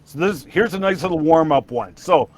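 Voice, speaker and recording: A man's voice: a little high, normal speed. Chatty man hosting a livestream. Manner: rambling, restarts, frequent laughter. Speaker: livestream host. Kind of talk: casual livestream chat.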